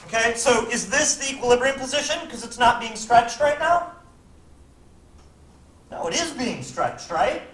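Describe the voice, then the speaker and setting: A man's voice: very high-pitched, lively intonation, measured pace, pauses often, a bit bright. Man teaching physics in echoey classroom. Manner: checks in often with "right?" and "okay?". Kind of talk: classroom lecture. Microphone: camera at a distance. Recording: echoey classroom, distant mic, faint noise.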